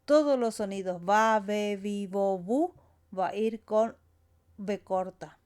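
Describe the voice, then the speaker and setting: Slow, careful woman language teacher. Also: medium pitch, darkish tone, smooth. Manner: spells out sounds and words one by one, stressing final syllables. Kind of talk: slow explanatory lesson.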